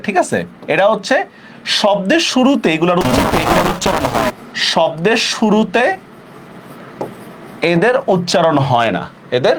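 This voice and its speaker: A young Bangladeshi man teaching an online pronunciation lesson, asking the class questions and repeating words slowly to show how they sound. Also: high voice. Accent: Bangladeshi Bengali.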